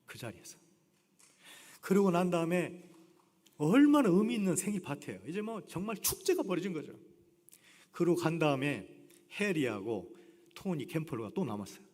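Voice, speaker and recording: A man's voice: a little high, darkish tone. A man preaching a sermon as a guest pastor, telling stories animatedly and acting out the voices of the people in them. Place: church sanctuary. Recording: long church reverb.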